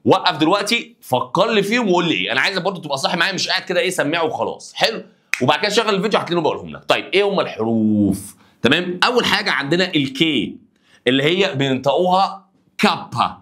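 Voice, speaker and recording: A man's voice: a little high, sing-song, racing, bright, forceful tone. A man with an Egyptian Arabic accent teaching an online language lesson, drilling letters and asking students to repeat after him.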